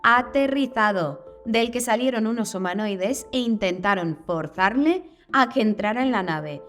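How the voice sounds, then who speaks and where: A woman's voice: a little high, expressive, a little slow, a bit bright, faint music behind. Chatty Spanish woman narrating, wry asides. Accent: Spain Spanish. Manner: casual, curious, with wry asides. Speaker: channel host.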